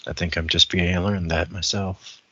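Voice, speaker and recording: A man's voice: sits low, level tone, a little fast, a bit bright, dull audio. A man playing a tabletop game, speaking casually as he chats and role-plays his character.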